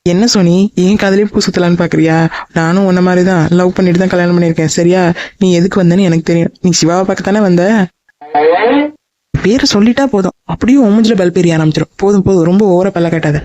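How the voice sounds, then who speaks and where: A woman's voice: lowish voice, steady tone, mellow, dull audio, natural voice. A woman voicing a bossy, teasing young aunt in a cartoon, scolding and mocking her niece. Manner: scolding, mocking and fast-talking. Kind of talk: animated cartoon voice acting.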